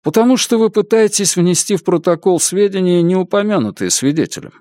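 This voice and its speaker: A man's voice: high voice, expressive, a little fast, mellow, no room sound, studio quality, pitched above the performer's own voice. A man doing a firm, objecting lawyer. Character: exasperated male defense lawyer, firm.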